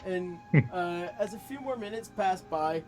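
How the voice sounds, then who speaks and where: Slow, halting male game master. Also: high voice, music in the background. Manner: slow, halting narration full of ums and uhs. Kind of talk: narrating a tabletop game.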